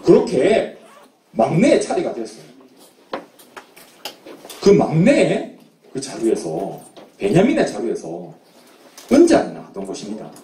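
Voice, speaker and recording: A man preaching to children in Sunday school, telling a Bible story in an animated way. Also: fairly high pitch, unhurried, long pauses, a little hiss or hum. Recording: echoey room, mic at a distance.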